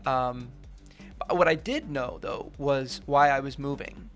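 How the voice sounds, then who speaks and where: A man's voice: mid-range voice, slow, faint music behind. Earnest, reflective man in his thirties. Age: 30s. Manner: reflective, earnest, many "you know" and "right?". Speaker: guest. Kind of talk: casual radio interview.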